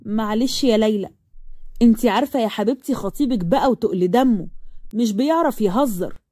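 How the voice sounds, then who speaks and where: A woman's voice: a little high, brisk, warm tone, dry recording, clean studio sound, lightly acted. A woman voicing a coaxing, affectionate middle-aged mother with an Egyptian accent.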